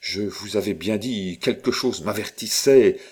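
A man's voice: lowish voice, lively intonation, takes it slowly, full character voice. A man voicing an earnest, protective young nobleman with a firm, commanding delivery.

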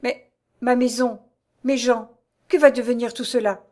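A woman's voice: on the high side, steady tone, measured pace, a little mellow, pitched above the performer's own voice, lightly acted. A woman voicing a young noblewoman under arrest, pleading and distraught.

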